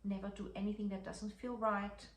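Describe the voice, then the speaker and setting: A woman's voice: medium pitch, little pitch movement, normal speed. Reassuring woman teaching breathwork, echoey room. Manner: reassuring, encouraging, unforced. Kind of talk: instructional talk introducing breathing practice. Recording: echoey room, faint background noise.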